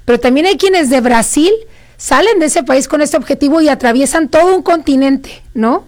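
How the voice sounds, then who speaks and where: Woman host asking questions, high voice, keeps repeating herself. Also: normal speed. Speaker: interviewer. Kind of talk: event interview.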